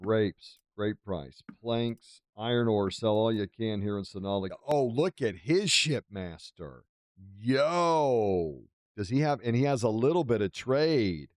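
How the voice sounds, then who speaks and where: A man's voice: lowish voice, lively intonation, takes it slowly, no room sound, studio quality. A man giving casual, exclamatory commentary over a video game playthrough, with a playfully boastful manner. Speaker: gaming video host.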